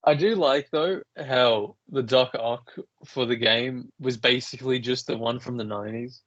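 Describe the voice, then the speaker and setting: A man's voice: mid-range voice, moderate pace, fairly bright tone, no room sound, lo-fi sound. A man co-hosting a podcast in casual chat, laughing often and restarting sentences, his voice run through a robot filter. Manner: giggly, hesitant, many restarts. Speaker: podcast co-host.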